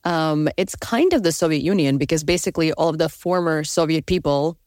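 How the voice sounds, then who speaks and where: A young woman from Ukraine hosting a casual interview conversation, animated and quick to laugh. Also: no room sound, studio quality. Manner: animated, laughs often, rising pitch when excited. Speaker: host.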